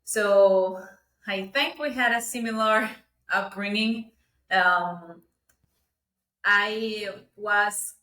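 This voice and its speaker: A young woman tells her story with animated energy. Her voice is bright and forward, and the recording carries a noticeable room echo. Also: mid-range voice. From Costa Rica. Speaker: podcast guest. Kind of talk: casual interview. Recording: echoey room.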